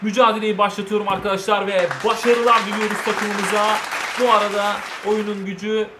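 A young man, a gaming channel host, calling his own football video game match in lively commentary, cheering his players on and shouting at their misses. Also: sits high, a little fast, a loud crowd, heavy background noise. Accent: Turkish. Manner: shouts in excitement, scolds the players, cheers them on.

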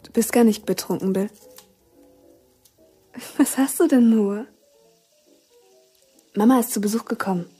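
An actress playing a worried young wife who speaks in a breathy, pleading voice, in an old mono radio play with music. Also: female voice, fairly high pitch, a little slow, long pauses, warm tone. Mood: anxious, pleading. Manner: anxious, pleading.

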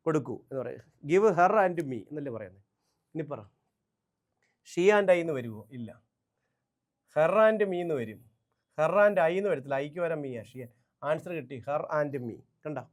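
A man from Kerala, with a fairly high pitch, runs a quick exam revision lesson. He fires off rhetorical questions, answers them himself and repeats key phrases for emphasis.

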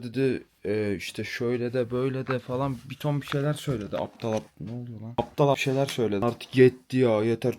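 Fast-talking heated young man venting. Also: mid-range voice, a little mellow, slight background noise. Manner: fast, heated, swearing freely. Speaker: vlogger. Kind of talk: casual venting monologue.

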